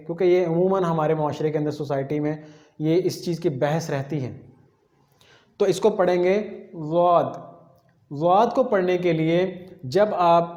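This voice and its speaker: A man teaching Quran letter pronunciation, explaining each sound patiently and repeating it slowly for the listener. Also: a little high, a little mellow, roomy sound. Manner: demonstrates sounds slowly and repeats them, often checks in with listeners. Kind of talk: patient step-by-step lesson.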